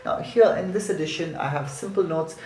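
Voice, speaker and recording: Brisk and a little mellow, a fairly high-pitched male voice walks through a song lesson phrase by phrase, musing aloud and fixing his own mistakes. It's recorded in an echoey room.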